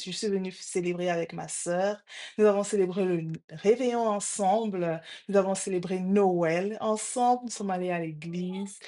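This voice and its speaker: Woman vlogger, enthusiastic casual storyteller, filmed at a relative's home. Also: medium pitch. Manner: warm greetings, enthusiastic, many fillers. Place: at her sister's home.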